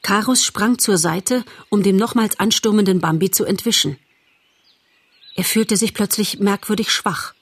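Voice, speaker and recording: A woman narrating a storybook audiobook in a measured, expressive storytelling voice. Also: medium pitch, slightly rough, no echo.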